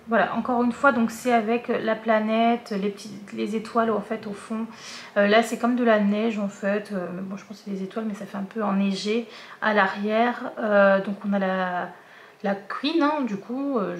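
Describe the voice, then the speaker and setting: A woman with a regional French accent chats to her viewers, her voice sitting a little high. She hesitates often, filling gaps and restarting sentences. The room gives back a clear echo, with a faint noise underneath. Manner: hesitant, many fillers and restarts. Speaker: diamond painting vlogger. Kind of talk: casual chat to viewers.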